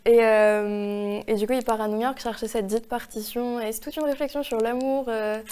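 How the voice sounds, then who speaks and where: Young woman film columnist, slightly high voice, halting and filler-heavy. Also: steady tone, warm tone, clean tone. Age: young adult. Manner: hesitant, many fillers. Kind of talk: casual chat.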